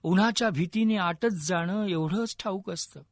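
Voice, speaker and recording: A man voicing a calm, wise old mentor on his deathbed, speaking slowly and wearily in gentle pleas. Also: high voice, no echo, clean studio sound. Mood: pleading.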